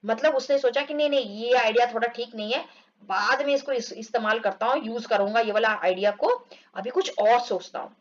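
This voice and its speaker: High-voiced woman teaching English. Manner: reads English lines slowly, explains in Hindi, acts out groans. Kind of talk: explaining a textbook story to children. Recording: dull lo-fi recording.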